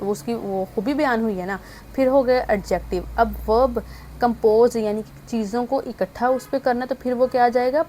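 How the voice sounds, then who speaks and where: A woman teacher explains an English lesson at a steady, mid-pitched level, sounding out words one by one and mixing English terms into her talk. Faint noise sits under her voice. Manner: explanatory, mixing English terms into Urdu-Hindi speech, spells out sounds slowly. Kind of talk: explaining a textbook exercise in an online lesson.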